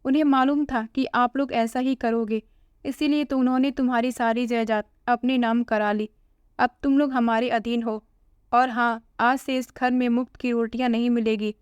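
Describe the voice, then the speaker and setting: Woman doing a nasty young daughter-in-law, snappy and scornful, kinda high, dull lo-fi sound. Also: fairly even intonation, normal speed, clear, resonant tone, no echo, natural voice. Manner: scornful, cutting retorts. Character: sharp-tongued young daughter-in-law, contemptuous.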